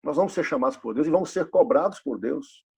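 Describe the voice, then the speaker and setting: A man's voice: fairly high pitch, expressive, quick pace, gravelly, breathy edge. A pastor in his fifties preaching a sermon in a church, asking the congregation rhetorical questions and repeating key phrases. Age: 50s.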